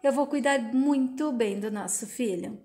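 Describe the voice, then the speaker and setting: Woman reading a young woman torn up, earnest and yearning, high voice. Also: normal speed, mellow, natural voice. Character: young pregnant woman torn between love and life.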